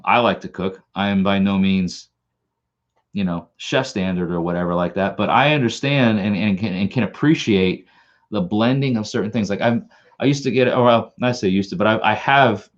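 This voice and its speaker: The host of a casual live stream, a man from Long Island, New York, rambles in his Long Island accent, with many restarts and repeated words. His fairly low voice moves at a moderate pace, and the audio is dull.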